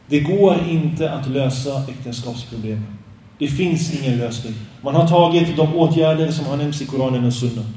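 A man's voice: a little high, warm tone. Earnest preacher man in a roomy hall. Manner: earnest, admonishing, rhetorical questions. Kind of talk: Islamic lecture on marriage. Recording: roomy sound, distant mic.

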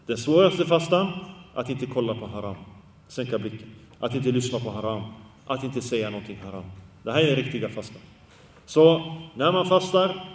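Recorded from a distance in a hall with echoing reverb, a preacher delivers an earnest Islamic sermon. His voice is medium in pitch and a little mellow, and he presses his listeners with rhetorical questions while weaving Arabic religious phrases into his speech.

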